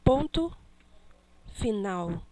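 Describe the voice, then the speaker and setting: A woman teacher slowly correcting a classroom exercise, stressing each punctuation mark she names. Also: mid-range voice, big pitch swings, darkish tone.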